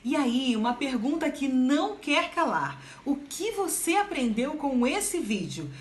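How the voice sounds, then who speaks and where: A woman's voice: high voice, very animated, a little slow. A woman host with a Brazilian Portuguese accent, asking questions and speaking directly to viewers in a friendly way. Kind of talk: interview and video sign-off. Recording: echoey room.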